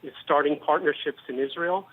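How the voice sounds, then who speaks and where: Man, guest analyst, measured and explanatory, slightly high voice, phone-line sound. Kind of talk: business news interview. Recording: tinny phone-line audio.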